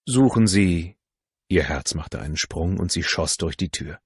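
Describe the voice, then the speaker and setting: A man reading a novel aloud as an audiobook narrator, in a calm, measured way. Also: a bass voice, vocal fry, slightly rough, no echo, clean studio sound. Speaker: audiobook reader.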